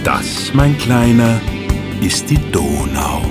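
Man voicing an old steam engine lady, low slow booming voice, sly, music underneath. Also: big pitch swings. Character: old female flying steam locomotive, sly and jolly.

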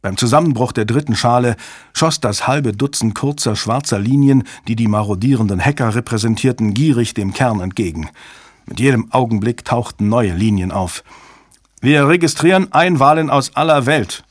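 Dry, steady male audiobook narrator. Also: lowish voice, normal speed, no echo. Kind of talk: scripted narration.

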